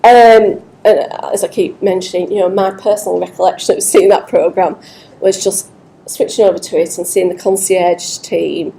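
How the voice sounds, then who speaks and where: A woman's voice: lowish voice, fairly even intonation, normal speed, gravelly, warm tone, a little hiss or hum, rough recording. A woman hosting a networking event, introducing the guest speaker in an upbeat, grateful way. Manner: upbeat, grateful, lots of big thank-yous. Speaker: event host and interviewer.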